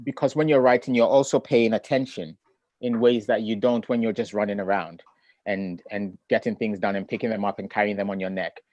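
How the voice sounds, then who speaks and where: A middle-aged man who grew up in Ghana, a poet, reading his poems and talking about family in a measured, reflective way over a video call. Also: fairly low pitch, steady tone, darkish tone, no echo. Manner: measured and reflective, with thoughtful pauses. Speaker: poet and author. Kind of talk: poetry reading and relaxed conversation.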